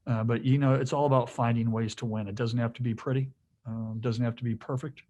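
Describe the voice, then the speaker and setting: A man's voice: mid-range voice, level tone, a little fast, darkish tone, highs cut off, slight background noise. A male head basketball coach answering questions at a postgame press conference, rambling with lots of fillers and restarts, joking now and then.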